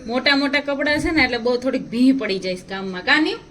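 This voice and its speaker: Woman vlogger, young, high and bright, chatty and coaxing, phone mic close. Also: expressive, quick pace. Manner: chatty, coaxing a child along. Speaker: family vlogger. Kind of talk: casual vlog chat. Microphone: phone held close to the mouth.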